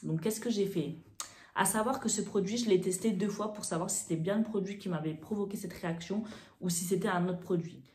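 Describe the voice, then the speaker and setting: A woman's voice: medium pitch, fairly quick. Chatty young woman vlogger, echoey room. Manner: chatty, animated, with fillers. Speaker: beauty vlogger. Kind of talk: casual to-camera storytelling.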